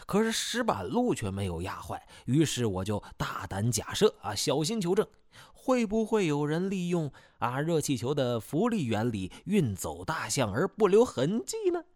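A man voicing a boastful, flattering male detective. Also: a little high, normal speed, no echo, clean studio sound, voice pushed up. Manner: flattering and self-promoting.

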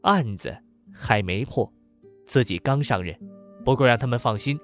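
A man voicing a steady, resolute police chief. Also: mid-range voice, normal speed, faint music behind, lightly acted. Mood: reassuring. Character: earnest male police chief, newly appointed.

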